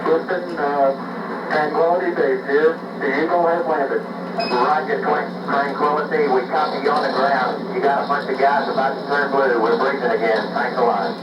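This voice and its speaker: A man's voice: mid-range voice, fairly even intonation, moderate pace, reverberant. A man speaking over a crackly space radio transmission, making terse, matter-of-fact call-outs in clipped radio procedure talk. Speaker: astronaut and mission control radio traffic. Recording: noisy, muffled archive radio from far off.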